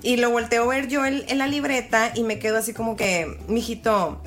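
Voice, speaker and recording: A woman in her thirties with a Mexican accent, chatting casually as podcast co-host and telling an animated story, swearing freely and acting out quotes. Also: on the high side, normal speed, soft background music. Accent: Mexican Spanish.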